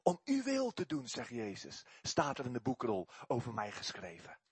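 A man preaching a sermon and telling his testimony, talking in an animated way and often repeating words as he goes. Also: medium pitch, moderate pace, creaky, breathy edge, no echo.

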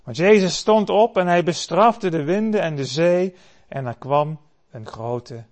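Male preacher, unhurried and slightly high voice, dramatic storytelling sermon. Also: expressive. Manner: dramatic storytelling, swelling loud for quoted cries.

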